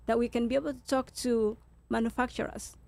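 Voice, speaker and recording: A woman's voice: on the high side, steady tone, a little fast, vocal fry, darkish tone. A woman with a Kenyan accent speaking as a guest in a talk show discussion, making her points emphatically and repeating phrases. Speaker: guest speaker, nurse leader.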